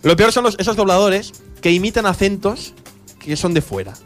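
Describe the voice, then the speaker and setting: A man's voice: high-pitched, normal speed, soft background music. A man hosting a podcast, joking as he reviews a video game's voice acting. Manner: joking, animated. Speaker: podcast host. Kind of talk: comic game review chat.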